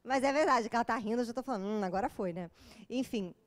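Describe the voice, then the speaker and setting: A woman with a Brazilian Portuguese accent gives an informal, joking lecture to a live audience. Her voice is on the high side and quick. She's chatty and playful, with acted asides.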